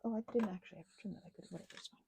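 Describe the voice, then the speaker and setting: Talking at a racing clip with vocal fry, a medium-pitched woman with a mellow tone crafts on camera as a vlogger. Her ASMR-style rambling is whimsical and casual, addressed to herself and whatever she's holding, at times dropping nearly to a whisper. A little hiss or hum is audible.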